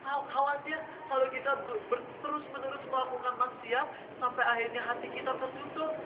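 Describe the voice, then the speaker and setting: Man, preacher, storytelling sermon, acts out voices, high voice, echoey room, distant mic. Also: little pitch movement, fairly quick. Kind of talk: sermon to students. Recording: echoey room heard from far off, dull and noisy.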